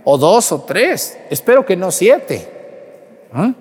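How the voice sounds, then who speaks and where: A man's voice: high-pitched, big pitch swings, takes it slowly, a little mellow, husky. A Mexican priest preaching a sermon, scolding and mocking as he acts out little scenes for his parish. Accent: Mexican Spanish. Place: church. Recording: echoey church with long reverb.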